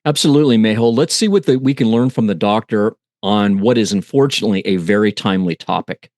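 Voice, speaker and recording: A man co-hosting a podcast with a low, steady voice and an upbeat, welcoming delivery. His voice sounds close and dry, with no room behind it. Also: quick pace, no room sound. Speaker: podcast co-host. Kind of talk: podcast interview.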